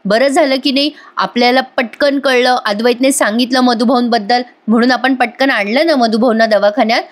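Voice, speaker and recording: A woman voicing a kindly older family patriarch from a TV serial who comforts gently and fatherly. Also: extremely high pitch, fairly even intonation, fairly quick. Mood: comforting.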